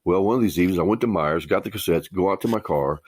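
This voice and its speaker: Man in his sixties, from Ohio, voicemail message, low voice, dry sound, rambling, restarts sentences. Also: fast talker, a little mellow, husky, dry recording. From Ohio, USA. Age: 60s. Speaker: caller. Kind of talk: casual first-person storytelling.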